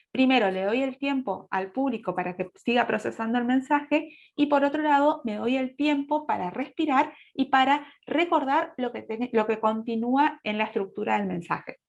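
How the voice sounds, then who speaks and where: Woman lecturing over dull call audio. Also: a little high. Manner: orderly, lists points in sequence. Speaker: speech coach. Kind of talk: webinar lecture. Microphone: video call.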